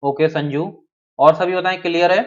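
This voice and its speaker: A man's voice: a little high, fairly even intonation, moderate pace. A man teaching a live online class in a somewhat raised voice. He keeps checking in with his students and reads their names aloud as they reply. The sound is dull and lo-fi.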